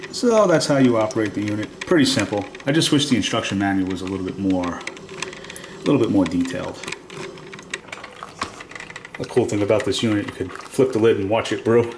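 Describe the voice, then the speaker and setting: Sounding congested and nasal from a cold, this man demonstrates a product step by step, casually, in an echoey room at home. His voice sits on the low side with lively intonation and a slightly quick pace broken by long pauses, and he uses fillers in his plain explanations. A little hiss or hum runs under the recording.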